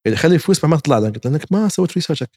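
Brief: male guest, rapid and emphatic, slightly husky, dry close sound. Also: a little high, animated, darkish tone, no echo. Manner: emphatic, acts out other people's words. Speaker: guest investor. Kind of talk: casual interview advice.

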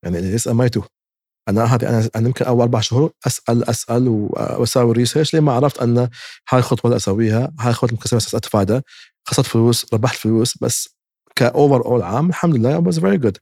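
Fast-talking husky man. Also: medium pitch, a little mellow, no room sound, studio quality. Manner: emphatic, acts out other people's words. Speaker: guest investor. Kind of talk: casual interview advice.

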